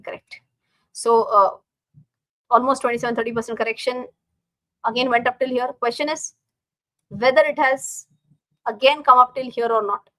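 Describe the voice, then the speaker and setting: Higher-pitched Indian-accented woman hosting a live stream. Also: no echo, rough recording. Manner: repeats phrases, addresses viewers directly. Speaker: live stream host and finance teacher. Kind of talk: casual live stream talk to viewers.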